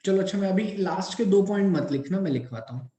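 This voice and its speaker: A man teaching physics in Hindi and Indian English, slowly dictating points and repeating each phrase so students can write. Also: high-pitched, animated, mellow, echoey room, low-quality recording. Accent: Hindi-English mix, Indian English. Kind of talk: dictating lecture notes.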